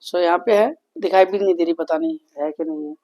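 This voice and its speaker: A man's voice: high voice, very animated, fairly quick, lo-fi sound. A man in his thirties, a father talking casually to the camera in a family vlog, complaining with indignation. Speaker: vlogger, father.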